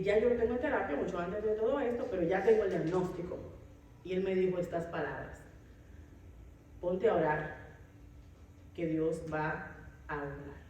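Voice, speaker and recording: A woman telling a personal testimony as a mother, animated, acting out her own words from the past. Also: mid-range voice, a little hiss or hum. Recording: echoey room, a bit far from the mic.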